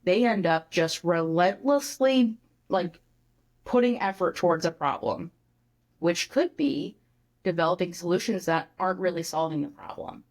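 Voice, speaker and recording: A woman who is a guest on a podcast, explaining her ideas in an animated, casual way with many filler words. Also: lowish voice, normal speed. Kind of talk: conversational interview.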